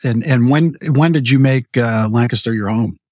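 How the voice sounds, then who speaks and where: Guy co-hosting a podcast, chatty and relaxed, mid pitch, dry sound. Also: moderate pace, dry recording. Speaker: podcast co-host. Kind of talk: casual show chat.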